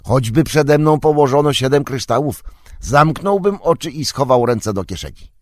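A man voicing a curious, eager young male hobbit in an audiobook, raising his voice and asking quick questions. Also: mid-range voice, lively intonation, darkish tone, dry recording, studio quality, voice pushed up, natural voice. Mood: rueful. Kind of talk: audiobook character reading.

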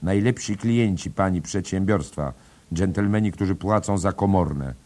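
A man voicing an anxious middle-aged man who talks urgently and persuasively to calm others. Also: low-pitched, normal speed, voice pushed up, lightly acted.

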